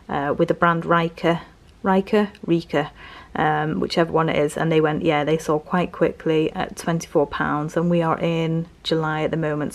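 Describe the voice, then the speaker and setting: Low-pitched British woman, casual and rambling. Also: darkish tone. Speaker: reseller vlogger. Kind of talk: casual haul commentary.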